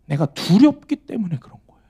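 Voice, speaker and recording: Male pastor, high voice, very animated pitch, drops to near-whispers between forceful appeals, church sermon. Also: fast talker, slightly rough. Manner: rhetorical questions to the congregation. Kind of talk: Friday evening revival sermon. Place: church service.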